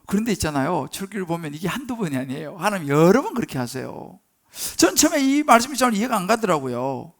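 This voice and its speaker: A male pastor preaching a sermon in a church, conversational and animated, asking the congregation questions and acting out Bible scenes. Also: sits high, fast talker.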